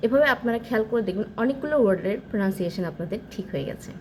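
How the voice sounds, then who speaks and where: A woman giving an English pronunciation lesson, explaining step by step and saying example words slowly and clearly. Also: medium pitch, expressive, darkish tone, slight background noise, rough recording. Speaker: English teacher.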